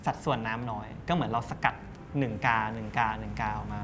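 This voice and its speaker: A man's voice: lowish voice, fast, background noise. A young man, a tea cafe co-owner, chatting in an interview and explaining things step by step in a loose, easygoing way. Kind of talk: casual interview.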